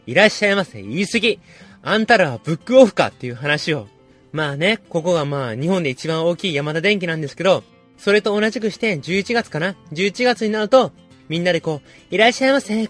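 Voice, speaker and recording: A man talks on his own in a loose, rambling way, joking his way through a story. His voice sits a little high and swings widely up and down. Faint music plays behind him. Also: a bit bright. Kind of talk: casual monologue.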